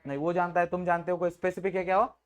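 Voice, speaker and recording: A man's voice: high voice, little pitch movement, very fast, smooth, highs cut off. A man teaching an English grammar class in Hindi, joking with students and often checking if they understood. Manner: jokes with the class, informal and teasing.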